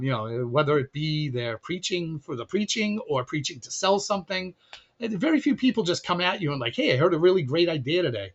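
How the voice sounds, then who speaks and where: This is a fairly high-pitched, slightly bright male voice belonging to a podcast guest from Chicago, USA. He talks loosely in casual conversation, with lots of restarts and laughter, captured on dull lo-fi audio.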